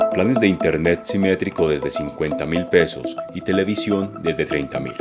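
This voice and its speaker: Low-voiced man reading an advert over music. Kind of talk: scripted advertisement narration. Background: loud music bed.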